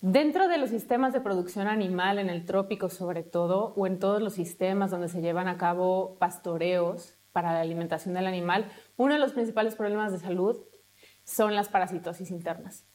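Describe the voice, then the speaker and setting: A woman from Mexico with a Mexican accent, a university researcher explaining her field in a fluent, steady way. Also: medium pitch, brisk. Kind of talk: explanatory talk to camera.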